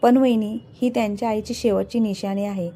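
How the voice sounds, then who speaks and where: A woman's voice: mid-range voice, steady tone, fairly quick, warm tone, natural voice. A woman voicing a spoiled young sister-in-law who complains aggrievedly.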